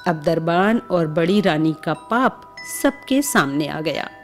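Over music with chimes, a woman with a low, expressive voice slowly narrates a scripted bedtime story for children, acting as the storyteller.

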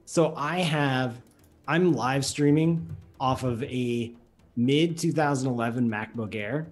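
A man in his thirties chatting casually as a guest on a video call, with a deadpan, wry manner. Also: medium pitch, takes it slowly. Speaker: guest astrophysicist. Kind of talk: casual chat. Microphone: desktop microphone in front of him. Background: music.

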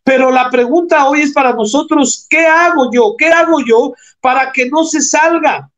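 A man's voice: extremely high pitch, moderate pace, fairly bright tone. A man preaching a sermon, reading scripture aloud and explaining it, calling the congregation brothers and asking them rhetorical questions.

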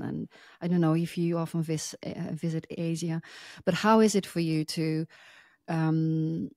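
A woman's voice: low-pitched, dark tone, dry recording. A woman hosting a podcast interview, asking questions with many hesitations and fillers, on a video call through a large studio mic. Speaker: podcast host. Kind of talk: casual interview.

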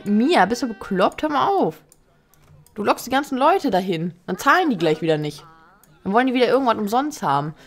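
A woman giving casual let's play commentary, chatty, reading menu options aloud and adding teasing asides. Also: mid-range voice.

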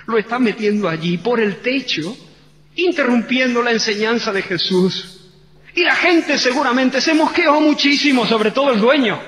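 Passionate man pastor, Spain Spanish accent, dramatic storyteller, bright voice, faint hum in a reverberant church. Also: extremely high pitch, expressive, moderate pace. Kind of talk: sermon.

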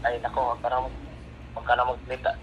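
A man's voice: medium pitch, completely flat delivery, rapid-fire. A man making a scam phone call, repeatedly accusing and insulting the listener. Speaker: scam caller. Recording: noisy phone line.

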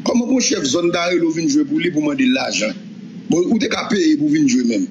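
Male witness recounting a tense night, animated, slightly high voice, noisy muffled recording. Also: a little fast. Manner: animated storytelling, voicing others' words. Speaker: person recounting events. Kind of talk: spoken testimony.

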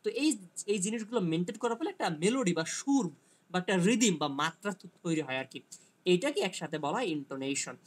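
A man giving an online linguistics lecture who explains slowly, reads English passages aloud and answers students by name. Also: high-pitched. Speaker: teacher.

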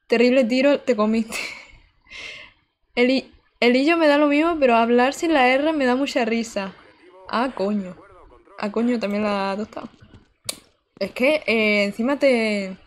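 Brief: young female streamer from Barcelona, chatty and exclamatory, slightly high voice, desk mic. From Barcelona, Spain. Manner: chatty, exclamatory, giggly, answering chat. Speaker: game streamer. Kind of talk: casual live-stream chat while gaming. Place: indoor room.

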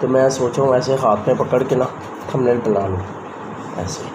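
A young adult man with a medium-pitched voice and moderate pace rambles casually while vlogging, holding his phone at arm's length and talking straight to the camera. He starts on a rooftop, then moves to a small room. The phone recording is noisy, with outdoor ambience.

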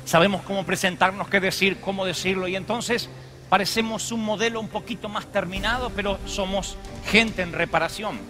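Pastor guy preaching in church, high pitched, jokey, acts out voices, music behind. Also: moderate pace. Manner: animated and joking, acts out voices. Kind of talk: sermon.

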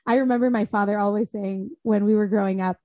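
A woman's voice: mid-range voice, fairly even intonation, fast talker, mellow, no echo. A woman host chatting casually and earnestly with her guest. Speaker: podcast host. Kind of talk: casual interview chat.

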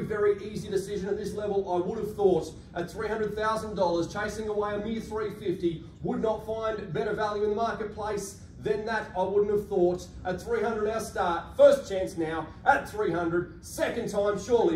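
This Australian man is auctioning property live, his sales patter polished and projected. He speaks at a normal speed in a high, darkish voice with fairly even intonation. The distant camera captures him across a big function room that echoes, along with faint noise.

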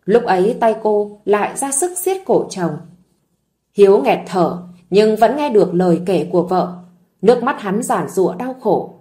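Mellow woman narrating a bedtime story. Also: mid-range voice, very animated, unhurried. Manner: gentle, emotive reading. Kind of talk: scripted audiobook narration.

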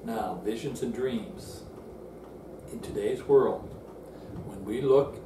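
An older man, seated indoors before a screen, teaches a Bible lesson in a medium-pitched voice, taking it slowly. Earnest and explanatory, he often restarts phrases while working through verses, and the recording sounds roomy, distant and noisy.

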